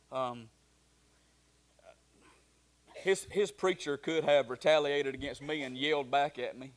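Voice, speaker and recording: A man's voice: a little high, fairly bright tone. A middle-aged man preaching a sermon in a folksy storytelling way, full of fillers and restarts. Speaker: pastor.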